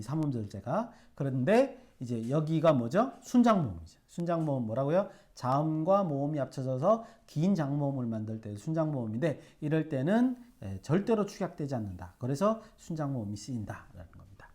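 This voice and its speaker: Lively male teacher, syllable by syllable. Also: fairly high pitch. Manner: spells out syllables slowly and asks rhetorical check-in questions; frequent "예" and "어" fillers. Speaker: Hebrew grammar teacher. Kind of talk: whiteboard lecture. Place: classroom at a whiteboard.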